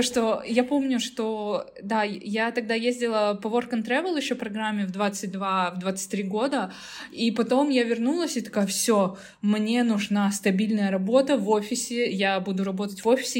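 A woman in her mid thirties, a podcast guest, talking cheerfully and laughing often. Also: mid-range voice. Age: 30s. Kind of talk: casual podcast conversation.

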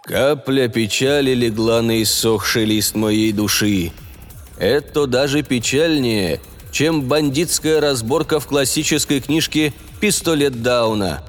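A man's voice: mid-range voice, close to an everyday voice. A man voicing a sententious, mournful space trader in an audiobook, speaking in a grandiloquent, reproachful way. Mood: sad. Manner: grandiloquent, reproachful, slow and sighing. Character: mournful, pompous trade master, sententious old comrade. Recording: long reverb, music behind.

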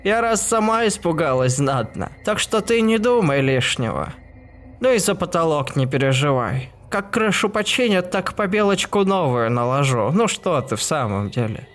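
A man's voice: on the high side, sing-song, moderate pace, a bit bright, pitched above the performer's own voice. A man voicing an elderly landlady with a crackly, aged voice, fussy and fearful. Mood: soothing. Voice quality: crackly old voice.

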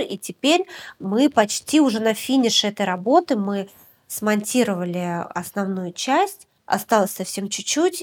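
A woman documentary director from Yakutia, talking through her work in a podcast interview, reflective and full of hesitations. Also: mid-range voice. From Yakutia, Russia. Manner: reflective, hesitant, many filler sounds.

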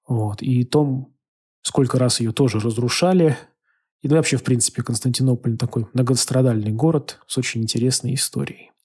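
A man telling history on a podcast in an unhurried, thoughtful way with many small fillers. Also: mid-range voice, steady tone, a little mellow, breathy edge. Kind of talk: casual history podcast talk.

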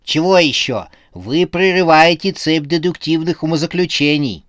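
In a clean studio recording with no room sound, a man pitches his natural voice up, fairly high and bright, at a moderate pace. He plays a brash female squirrel detective in a comic horror audiobook, bossy and theatrical and quick to throw out accusations.

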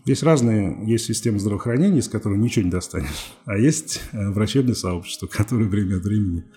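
Outspoken, mellow-voiced man in his forties. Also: lowish voice, quick pace. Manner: outspoken, defiant, wry. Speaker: TV journalist, podcast guest. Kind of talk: candid interview talk.

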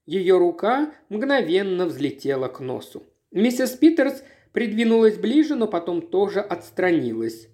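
Expressive audiobook narrator. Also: mid-range voice, measured pace, few pauses. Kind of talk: scripted literary narration.

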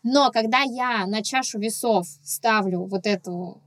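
A woman's voice: on the high side, unhurried, fairly bright tone, dry recording. A woman blogger talking candidly and earnestly about her own experience in a casual podcast conversation.

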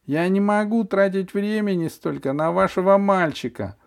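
A man's voice: a little high, lively intonation, moderate pace, darkish tone, pitched above the performer's own voice. Man playing a stern, bossy woman dentist. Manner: coaxing then sharply commanding. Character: small stern female dentist, firm and impatient.

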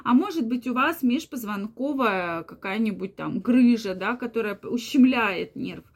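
A woman with a fairly high voice talks viewers through a health problem in an explanatory way. She keeps tucking little filler words into her sentences as she goes. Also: lively intonation, moderate pace. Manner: frequent fillers and repeated "yes", "that is". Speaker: health adviser.

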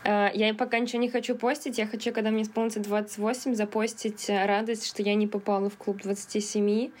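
A woman's voice: mid-range voice, flat delivery, quick pace. A woman in her twenties, a PR manager guesting on a podcast, chatty and laughing easily. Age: 20s. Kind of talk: casual podcast chat.

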